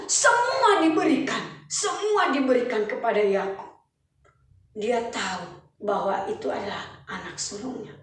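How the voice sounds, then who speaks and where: Woman, children's church teacher, high voice, lively storytelling, questions to children, echoey hall, distant mic.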